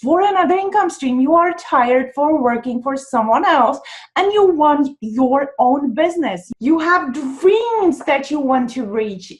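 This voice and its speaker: A woman in her thirties from the Czech Republic with a Czech accent, coaching online business in an enthusiastic sales pitch to a webcam at home. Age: 30s. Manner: upbeat, emphatic, pitch jumping on key words.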